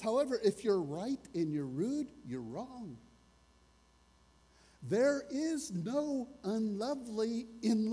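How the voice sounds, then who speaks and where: A man's voice: high-pitched, dark tone, breathy edge, big-room sound. A man preaching a sermon as a pastor, earnest and conversational, asking his listeners questions as he goes.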